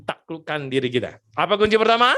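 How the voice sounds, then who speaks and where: A man giving an energetic motivational talk on public speaking, quizzing the audience and repeating key words. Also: on the high side, fast talker.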